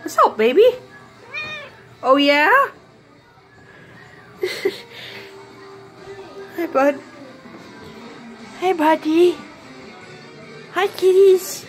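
A woman's voice: extremely high pitch, slow, pauses often, faint music behind, low-quality recording. A woman talking baby talk to her pets, cooing sing-song greetings and questions, recorded on a handheld phone at home. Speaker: pet owner filming cats. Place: small carpeted room at home.

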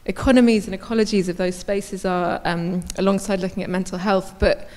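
The long reverb of a large conference hall surrounds a woman in her thirties, an architect, who talks into a handheld mic on a stage panel. Her speech is conversational, with frequent fillers and restarts. She has a mellow, medium-pitched voice with fairly even intonation and speaks a little fast.

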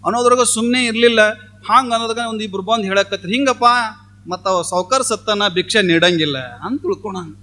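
A man with a very high, bright and forceful voice tells a comic village tale. He slips into the voices of the wife, the beggar and the landlord as he goes. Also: fairly quick. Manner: animated, acts out voices of villagers. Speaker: swami storyteller. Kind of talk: folk comedy storytelling.

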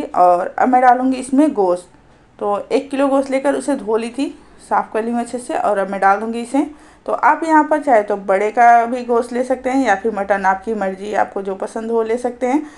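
A woman narrates a home recipe in a calm, instructive voice. She explains each step plainly as she cooks. Her voice sits a little higher than most women's. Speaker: cooking channel host.

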